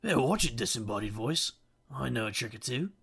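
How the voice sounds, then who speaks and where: A man playing a wisecracking, weary detective, delivering a wry, self-deprecating noir monologue in a gravelly, husky voice. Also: mid-range voice, sing-song, a little fast, fairly bright tone, exaggerated voice. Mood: sardonic musing. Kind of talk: noir first-person monologue.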